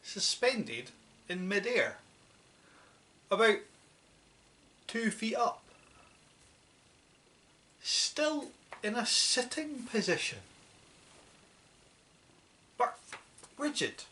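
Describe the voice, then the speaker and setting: A woman narrating a children's storybook with an expressive, dramatic reading. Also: on the high side, extremely slow, long pauses. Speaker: audiobook narrator.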